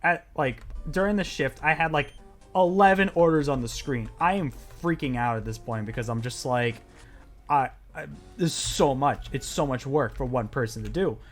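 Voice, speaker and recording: A man's voice: mid-range voice, moderate pace, faint music behind. A man streaming a game and telling a story in a loose, rambling way, full of fillers and swearing. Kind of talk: casual storytelling while playing a game.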